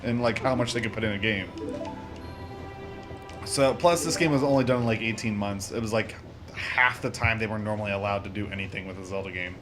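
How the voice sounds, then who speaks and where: Speaking a little fast in a lowish voice, a young gaming channel host rambles casually through a let's-play, often correcting himself and leaning on fillers. Video game music can be heard behind him.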